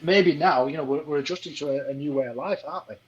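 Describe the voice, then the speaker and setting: A man's voice: fairly high pitch, fast, muffled recording, slight background noise. A man, a podcast guest telling fight stories in casual chat, swearing often and asking "do you know what I mean".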